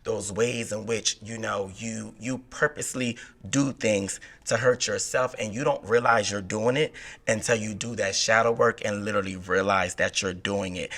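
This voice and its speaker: A man in his thirties, a therapist, explaining things in a relaxed podcast chat and asking rhetorical questions. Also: fairly low pitch. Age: 30s. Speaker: therapist guest.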